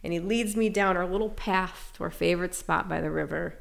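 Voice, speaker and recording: A woman's voice: fairly low pitch, a little fast, vocal fry. A woman speaking as an interview guest, candid and reflective, often breaking into light laughter as she tells her story. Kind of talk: casual emotional interview.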